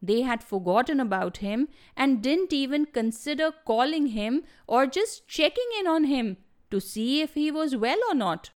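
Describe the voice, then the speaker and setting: A woman narrating a children's storybook in a gentle, expressive way. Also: high voice. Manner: gentle, expressive, slow reading.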